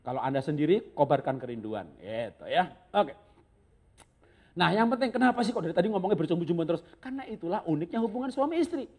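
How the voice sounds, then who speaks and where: A man's voice: on the high side, very animated, fast talker. A man preaching a humorous sermon, joking and chuckling often as he talks.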